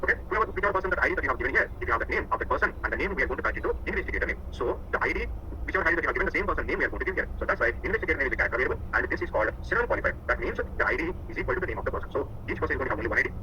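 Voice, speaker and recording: A man's voice: fairly high pitch, animated, rapid-fire, long pauses, pushed and bright, a little hiss or hum, rough recording. A man giving an online class over a video call, repeating key points and often asking if the students follow. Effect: heard over a video call. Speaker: instructor. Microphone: computer mic on a video call.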